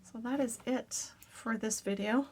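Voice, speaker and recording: A woman with a raspy voice chatting casually as she works on a craft project, often dropping to a soft whisper. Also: a little high, a little slow, heavy background noise. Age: adult parent. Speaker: crafting video host.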